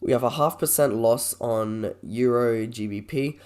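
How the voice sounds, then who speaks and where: A man with a croaky, slightly sick voice, talking informally and a little hesitantly as he reviews trades on a screen recording. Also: mid-range voice, unhurried, darkish tone. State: sick with a cold or cough. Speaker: trader presenting a video.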